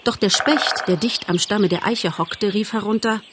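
A woman reading a classic animal novel aloud as an audiobook narrator, measured and even. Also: mid-range voice, background noise.

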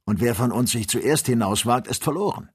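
A man's voice: mid-range voice, lively intonation, moderate pace, a little mellow, breathy edge, pitched above the performer's own voice. A man voicing an eager, loyal young male servant in a storybook reading, calling out urgent warnings.

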